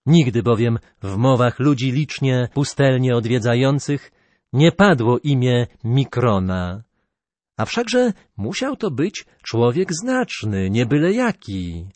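Powolny, ekspresyjny lektor opowieści. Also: male voice, mid-range voice, no room sound. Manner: measured, expressive storytelling. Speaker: narrator. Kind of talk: storybook reading.

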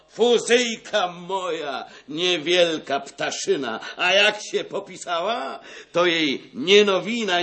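A man performs a boastful gentleman assessor in a poem reading. His voice rides high and bright, swinging widely as he crows and laughs. Every line is a show-off claim. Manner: bragging, loud, laughing. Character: boastful middle-aged male assessor, a nobleman hunter.

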